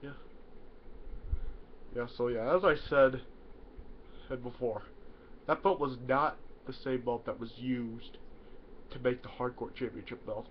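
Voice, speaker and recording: Medium-pitched and measured, often pausing, this young man speaks to his webcam with a stuffy nose from a cold. As a YouTuber giving a casual explainer, he rambles, says "yeah" a lot, and keeps restarting. He's in a small indoor bedroom, and the webcam directly ahead records dull, lo-fi sound with a faint hiss.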